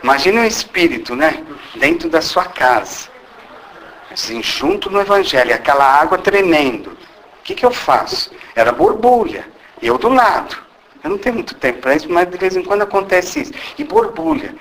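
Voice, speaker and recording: Man delivering a channeled spiritist lecture in a meeting room, bright and sharp voice, full of rhetorical questions. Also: high-pitched, sing-song, moderate pace, rough recording. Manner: rhetorical questions, frequent tag questions; speaks as a disembodied spirit guide. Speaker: spiritist medium giving a talk.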